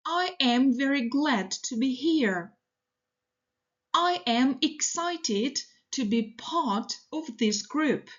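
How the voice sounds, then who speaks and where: A woman teaching English, reading model sentences for learners in a slow, deliberate, evenly paced way. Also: high-pitched, expressive, muffled recording.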